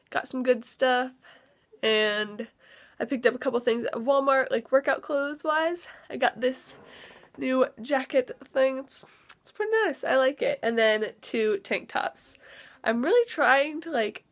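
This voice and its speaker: A young woman in her twenties talks to her vlog audience in a bright, slightly high voice. Her chat is casual and upbeat, dotted with fillers like "um" and "like". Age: 20s. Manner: chatty, upbeat, lots of "like" and "um". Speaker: vlogger.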